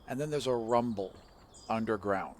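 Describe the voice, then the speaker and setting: A man's voice: lowish voice, normal speed, slight background noise. Casual-sounding man narrating as dungeon master. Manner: casual, loose narration with many fillers. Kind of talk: narrating a tabletop game.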